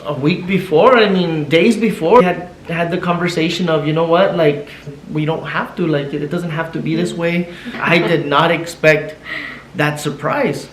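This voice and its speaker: Excitable man retelling a story at home. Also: a little high, normal speed, a little hiss or hum. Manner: excitable, repeats himself, mixes in Spanish. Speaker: vlogger, husband. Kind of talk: casual storytelling to camera. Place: living room at home. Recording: echoey room with soft music.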